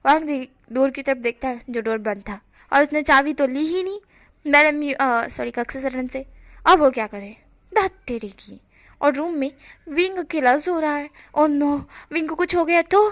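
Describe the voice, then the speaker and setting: A woman retells a story in a chatty, casual way, mixing in English words. Her voice sits high, and the recording is dry and close. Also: moderate pace, a bit bright, no echo.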